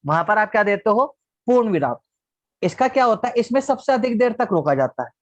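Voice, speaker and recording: Teaching online through a video call, this man has a high, sing-song voice and a brisk delivery with no echo. He patiently asks his class questions and supplies the answers himself, and the audio sounds dull and lo-fi.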